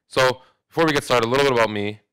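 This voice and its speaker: Bright-toned man giving a conference talk. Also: medium pitch, racing, smooth, no echo, clean studio sound. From Saudi Arabia. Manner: conversational, many restarts and fillers. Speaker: conference speaker. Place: large hotel ballroom, indoors.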